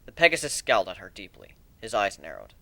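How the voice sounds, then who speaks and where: Reading a story with dramatic flair, this man takes a slow, deliberate pace and leans into expressive emphasis. His pitch is fairly low and his voice has a gravelly texture.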